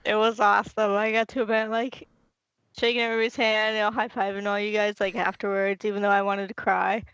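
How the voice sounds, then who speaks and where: A woman with a gravelly, fry-touched voice speaks eagerly and effusively as a podcast guest. The sound is dry and dull, with little room around it. She talks in an easy, chatty way. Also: mid-range voice, little pitch movement, brisk, a bit bright, dry recording. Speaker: podcast guest, team supporter. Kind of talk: casual chat.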